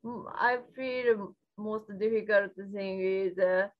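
A Japanese woman guesting in a casual interview speaks halting, simple English with a Japanese accent, giggling as she goes. Her voice is mid-range and steady, captured on dull lo-fi audio.

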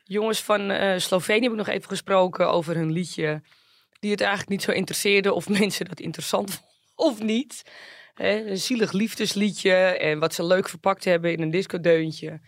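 An outspoken, excitable woman chatting as a radio reporter in the studio. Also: mid-range voice, moderate pace, no echo. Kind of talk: casual radio chat.

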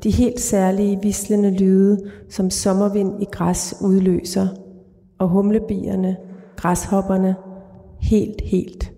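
A middle-aged woman author reads from her prose in a measured, flat, mellow voice. She speaks in a large church, and the long reverb of the hall trails each phrase. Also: mid-range voice. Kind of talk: literary reading and interview answers.

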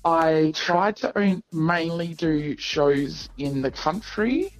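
An anonymous woman caller speaking through an electronic voice disguiser that makes her sound deep, talking hesitantly with many pauses on a radio call-in. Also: soft background music, rough recording. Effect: disguised voice, electronically lowered to sound deep.

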